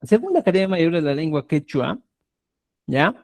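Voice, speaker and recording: A man's voice: a little high, moderate pace, creaky. A man teaching a live online language class, explaining grammar and checking in with his students again and again. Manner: lively, checks in constantly with "¿ya?". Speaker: Quechua teacher. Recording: live video call.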